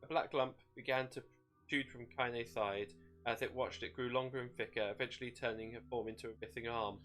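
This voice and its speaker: A man's voice: mid-range voice, fairly even intonation, fairly quick, fairly bright tone, soft background music. A man narrating a dramatic story, sometimes stumbling over a word and rereading it.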